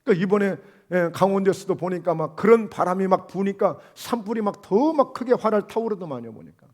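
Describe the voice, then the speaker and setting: A man's voice: sits high, expressive, a little fast, a little mellow. A male pastor preaching a Sunday sermon, emphatic, with rhetorical questions and scolding asides.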